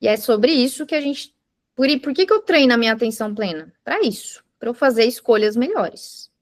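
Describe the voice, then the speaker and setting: Woman, mindfulness teacher, higher voice, dry close sound, patient, explains with examples. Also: animated, brisk, no room sound. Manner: asks the group questions. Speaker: mindfulness instructor. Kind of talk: teaching a live beginners' class. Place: indoor room with a live group.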